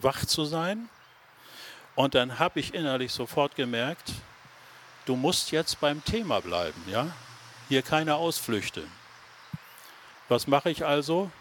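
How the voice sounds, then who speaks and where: A man's voice: medium pitch, a bit bright, slight background noise. A man preaching a sermon, telling a story to his listeners and then building to raised, emphatic phrases. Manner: talks straight to the listeners, with many tag questions.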